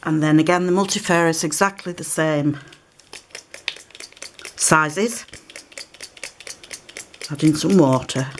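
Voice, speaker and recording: With a deep voice, a slow pace and frequent pauses, this craft presenter talks casually through a step-by-step demonstration at her table, explaining as she goes. A slight cold brings occasional coughs. The background is noisy, and the overhead camera shows her hands.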